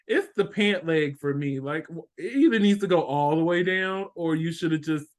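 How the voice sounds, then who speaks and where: A co-host from Texas with a Texan accent banters through a casual review chat, sassy and playful, drawing out words for emphasis. His voice is fairly high and expressive.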